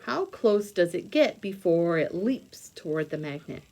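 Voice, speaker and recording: With a fairly low, mellow voice and big swings in pitch, a woman unhurriedly leads young children through a hands-on read-aloud activity. She thinks aloud and explains each step in simple terms, in a homemade video with noticeable background noise.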